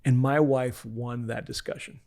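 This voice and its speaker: Earnest pastor, man in his forties, gravelly voice, podcast guest telling family stories. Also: mid-range voice, steady tone, measured pace. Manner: earnest storyteller, frequent restarts and soft asides. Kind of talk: casual interview chat.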